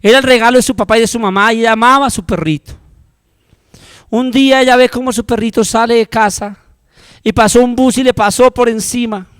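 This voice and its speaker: A man with a Colombian accent preaching a sermon as pastor, passionate and moving between hushed, intimate passages and loud, urgent ones. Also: very high-pitched, steady tone, fairly quick, clear, resonant tone, dry recording.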